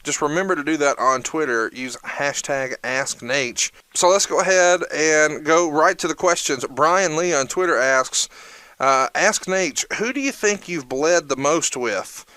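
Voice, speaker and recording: A man's voice: on the high side, unhurried, bright, forceful tone, clean tone, no echo. An American man co-hosting a podcast, introducing the show and reading out listener questions in a conversational style. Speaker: podcast co-host.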